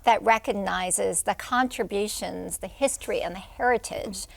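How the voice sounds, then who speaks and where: A woman hosting a TV studio interview, asking measured, polished questions. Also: mid-range voice, creaky. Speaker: TV host. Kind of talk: broadcast interview.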